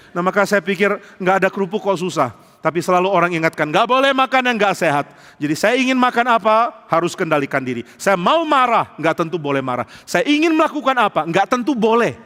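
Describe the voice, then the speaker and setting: In a large church hall with long, trailing reverb, a pastor preaches a sermon, his voice pitched high and a little bright. He tells funny stories and acts out the quoted lines.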